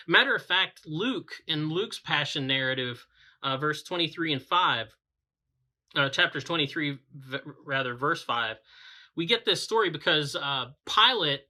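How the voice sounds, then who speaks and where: Guy doing a chatty bible reading, bright kinda high voice, lots of restarts. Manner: conversational, with frequent restarts and self-corrections. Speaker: campus minister. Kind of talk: informal Bible reading and commentary.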